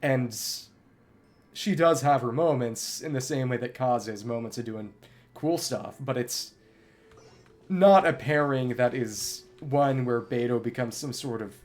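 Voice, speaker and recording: Game music runs behind a man streaming his gameplay, who chats casually at a measured pace. His mid-range voice is a bit mellow, and he's wordy and reflective, frequently hesitating as he looks for words.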